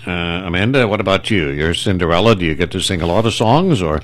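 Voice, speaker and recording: A man's voice: sits low, lively intonation, fast. A man hosting a casual interview, chatty and asking follow-up questions. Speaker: interviewer host.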